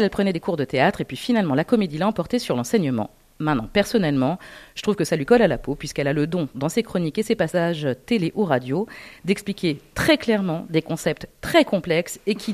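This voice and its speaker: A woman hosting a radio interview, upbeat and laughing often. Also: lowish voice. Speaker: radio host.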